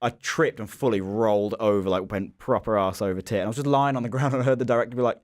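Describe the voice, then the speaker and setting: A man, co-hosting a casual chat podcast and telling animated stories. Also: on the low side, quick pace, no echo, clean studio sound. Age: early 20s. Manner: animated storyteller, acts out voices in anecdotes. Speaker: podcast co-host.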